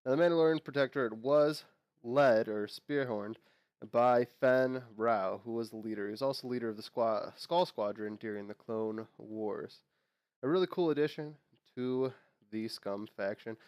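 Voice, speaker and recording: Rambling through casual unboxing and lore talk on his own channel, a young man speaks in a mid-range, darkish, clean-toned voice at a moderate pace. A cold makes him nasal, and he keeps using fillers and restarting sentences. There's no room sound.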